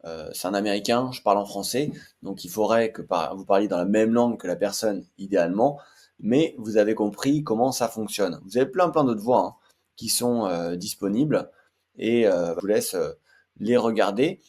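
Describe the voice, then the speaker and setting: Low-voiced chatty man demoing software. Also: moderate pace. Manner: chatty, many filler hesitations. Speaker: tech tutorial host. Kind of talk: casual screen-share tutorial.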